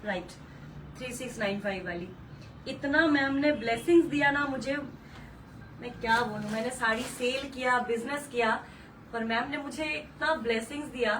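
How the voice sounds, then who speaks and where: High-voiced woman selling sarees live. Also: moderate pace, fairly bright tone, recorded from a distance, slight background noise, rough recording. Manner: gushing, repetitive, mixes English color words into Hindi. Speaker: saree seller hosting a live sale. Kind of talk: live-stream sales pitch.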